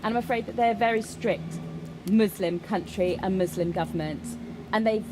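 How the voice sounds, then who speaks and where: A woman interprets a Deaf signer's personal statement live, with clear background noise behind her. Her voice is medium in pitch, and she speaks phrase by phrase with halting pauses.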